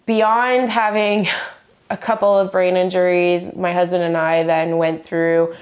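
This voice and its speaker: A woman's voice: lowish voice, level tone, unhurried, a little mellow. A woman in her thirties chatting enthusiastically about books she has read, still getting over the flu. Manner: enthusiastic, gushing. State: recovering from flu. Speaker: book vlogger. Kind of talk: casual book review chat.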